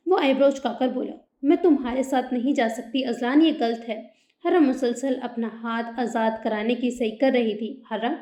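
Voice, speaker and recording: A woman's voice: a little high, warm tone, reverberant, lo-fi sound. A woman reading a romance novel aloud as an audiobook narrator, in a plain reading voice with only small shifts for the characters.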